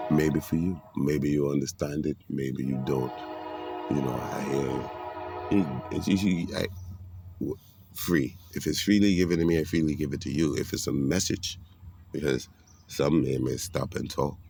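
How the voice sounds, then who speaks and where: Creaky and a little mellow, this man's bass voice carries a vlogger's rambling, preachy monologue. He talks in a streetwise, casual way, blending everyday speech with biblical references.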